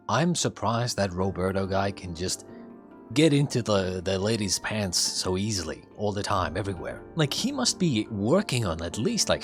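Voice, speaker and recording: A man doing casual live reaction commentary as a streamer, speculating in a rambling, mildly profane way. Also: fairly low pitch. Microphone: headset.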